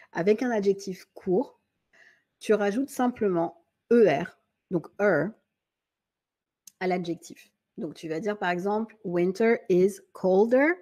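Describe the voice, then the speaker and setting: A woman with a medium-pitched, dark-toned voice gives an English grammar lesson in French. In a friendly, informal manner, she calls the viewer tu, patiently goes over key points again and reads example sentences at a slow pace.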